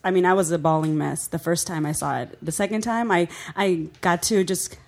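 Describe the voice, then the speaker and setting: A woman's voice: lowish voice, a little fast. A woman in casual chat, talkative and agreeable. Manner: chatty, agreeable.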